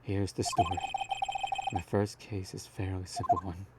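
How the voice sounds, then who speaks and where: A man's voice: low-pitched, steady tone, moderate pace, very noisy. A man reading video game narration aloud as an amateur player. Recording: loud music under voice.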